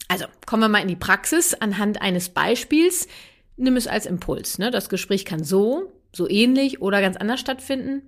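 A woman in her thirties hosting a parenting podcast in a casual, chatty monologue, often tagging her sentences with little questions. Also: mid-range voice. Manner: chatty, adds tag questions. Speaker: podcast host and parenting coach.

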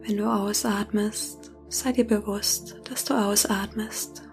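A woman guides a meditation in a soft, breathy near-whisper, slowly and calmly with long pauses. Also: medium pitch, faint music behind. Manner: slow, calming, long pauses between phrases. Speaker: meditation guide and podcast host.

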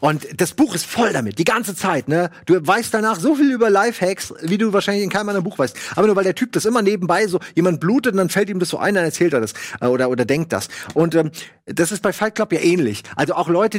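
Man, casual book review, rambling, full of fillers and asides, slightly higher voice, dry recording. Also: fast talker, no echo. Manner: rambling, many fillers and restarts, lively asides. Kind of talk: casual book review video with read-aloud excerpts.

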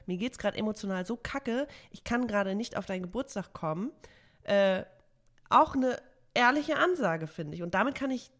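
A woman co-hosting a podcast in casual chat, frank and reflective, weighing ideas out loud. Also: mid-range voice. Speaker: podcast co-host.

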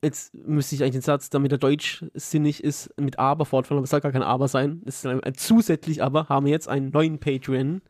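A man's voice: medium pitch, little pitch movement, fast, few pauses, darkish tone, no room sound, clean studio sound. A young German man co-hosting a podcast in casual chat, laughing often and telling stories with energy. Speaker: podcast co-host.

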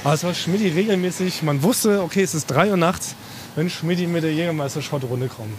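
Fast-talking higher-voiced man. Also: slight background noise. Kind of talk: casual podcast chat.

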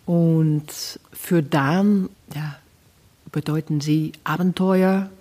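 A woman author from the Netherlands, a native Dutch speaker, talks about her novel with slow, thoughtful pauses. Her voice is low for a woman, and her answers unfold with deliberate, searching care. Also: steady tone, dark tone. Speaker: author, guest. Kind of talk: interview answers and reading in Dutch.

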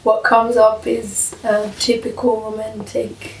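A woman's voice: fairly high pitch, flat delivery, slow, gravelly, distant mic. A woman as a first-time guest on a casual podcast chat, speaking eagerly and searching for words. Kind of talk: casual round-table chat. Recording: echoey and off-mic with faint noise.

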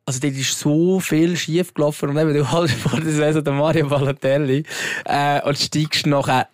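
A man's voice: a little high, steady tone, normal speed, no room sound, clean studio sound. A man with a Swiss accent chatting casually about football as a podcast co-host, colloquial and emphatic.

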